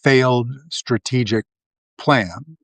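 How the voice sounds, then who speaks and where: Slow rambling man, dry close sound. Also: mid-range voice, a bit bright, no echo. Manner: rambling, many fillers and restarts. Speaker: livestream host. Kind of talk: casual political commentary.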